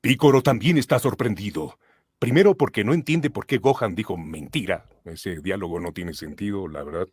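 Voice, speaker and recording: A man's voice: on the low side, moderate pace, slightly rough, dry recording, studio quality. A man narrating a cartoon episode like a storyteller, adding comic asides. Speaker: storyteller, streamer.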